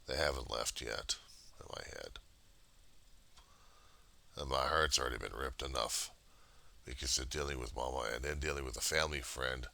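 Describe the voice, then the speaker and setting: A man giving a casual, profane confessional monologue in a halting, raw and emotionally weary way. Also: very deep voice, vocal fry, sharp tone. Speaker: personal video diarist.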